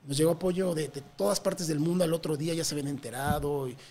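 Man, Mexican accent, high voice, quick delivery, slangy casual storytelling. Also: a loud crowd. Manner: animated, slangy, swears freely. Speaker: touring musician guest.

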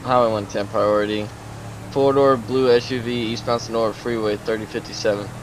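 A man's voice: on the low side, steady tone, a little fast, background noise. A man calling out a police pursuit in short, clipped phrases, heard over a radio. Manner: clipped radio call-outs.

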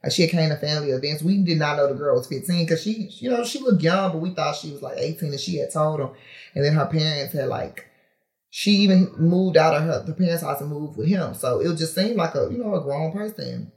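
Speaking fairly quickly in a low, darkish voice, a reality TV personality in her thirties chats on a podcast as a guest. The casual interview is candid and full of fillers and laughter, and the room echoes.

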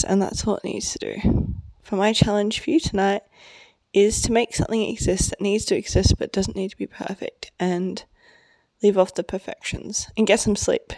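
Hushed late-night woman, low gravelly tone. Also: no echo, poor audio. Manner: speaking quietly, partly whispered, close to the mic. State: sleepy. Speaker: podcast host. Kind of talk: late-night solo podcast. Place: friend's house, at night. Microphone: close-up mic.

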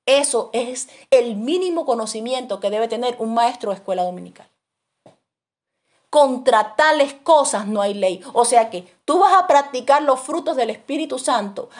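Lady teaching a bible class, lively storyteller, higher voice. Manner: animated storytelling, acts out voices in her anecdotes. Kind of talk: sermon teaching.

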